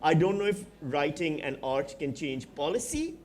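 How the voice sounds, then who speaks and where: A man's voice: on the high side, expressive, moderate pace, darkish tone, a little hiss or hum. A man in his forties from Pakistan, speaking as a panelist at a live festival discussion, reflective and frank with dry asides. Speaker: panelist, writer and comedian. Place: festival stage before an audience.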